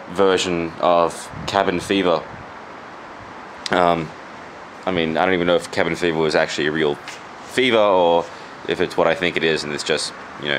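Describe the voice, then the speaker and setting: Low-voiced young man, roomy vlog, sore jaw. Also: fairly bright tone. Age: young adult. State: sore, swollen jaw after wisdom teeth removal. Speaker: vlogger. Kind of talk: casual rambling vlog chat. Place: at home, mostly living room and kitchen. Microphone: camera at arm's length. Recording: roomy handheld camera sound, faint noise.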